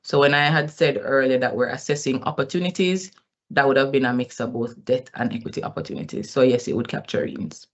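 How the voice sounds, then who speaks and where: Speaking a little fast at a middling pitch, a company executive fields earnings call questions with formal business phrasing and an explanatory delivery. The call audio is slightly dull and lo-fi.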